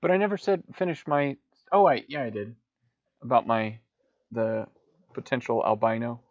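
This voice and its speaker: A man's voice: mid-range voice, moderate pace, no echo. Guy cracking sarcastic jokes over a movie, dull dry lo-fi sound. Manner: rambling, sarcastic, jokey asides. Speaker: podcast co-host. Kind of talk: joking movie riff commentary.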